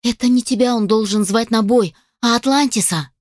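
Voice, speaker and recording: A woman's voice: a little high, moderate pace, darkish tone, no room sound, studio quality, lightly acted. A woman voicing Polina, a frightened young woman who cries out in frantic exclamations in a fantasy audiobook. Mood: tearful.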